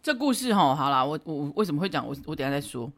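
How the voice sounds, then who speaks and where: A woman's voice: low-pitched, very animated, racing. A woman with a Taiwanese Mandarin accent hosts a podcast, giving casual advice in a chatty, teasing way and laughing often. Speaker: podcast host.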